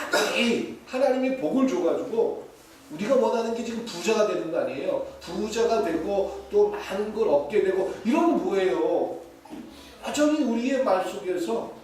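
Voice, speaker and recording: A man preaching a sermon as pastor, lively and playful, mimicking short dialect phrases. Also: sits high. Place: church sanctuary. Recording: echoey, distant, faint hiss.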